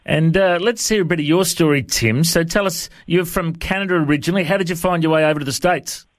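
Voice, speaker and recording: A man's voice: on the high side, fast, no echo. Friendly radio interviewer man, dry studio sound. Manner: friendly, brief prompting questions.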